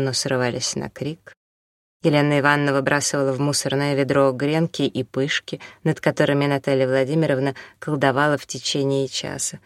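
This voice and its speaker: A woman with a low voice narrates an audiobook in an even, measured way. The recording is close and dry, with no room echo.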